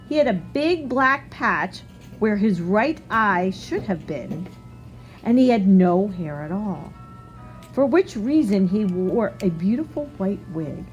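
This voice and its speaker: A woman reading a storybook aloud like a teacher, expressive and instructive, pausing to put questions to young listeners. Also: mid-range voice, rough recording.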